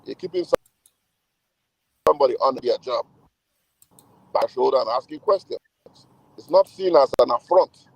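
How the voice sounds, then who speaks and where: A man calling in from his car on speakerphone while driving, talking in a hurried, halting way with many fillers. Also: mid-range voice, animated, gravelly, slightly rough, no echo. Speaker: call-in participant. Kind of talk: online group discussion. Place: in a moving car. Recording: muffled lo-fi phone line.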